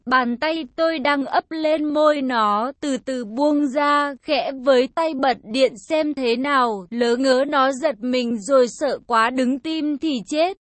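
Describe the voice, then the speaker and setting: A woman reads a first-person story aloud in a steady, intimate voice. Her pitch sits high, and the recording is close and dry with no room echo.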